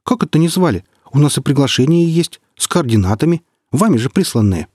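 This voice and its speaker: A disembodied professor's head that shrieks and protests in a high, indignant voice, put on by a man reading a comic sci-fi tale. The husky tone stays under the yelling. It sounds dry and close. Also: sing-song, fairly quick, no echo. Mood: outraged.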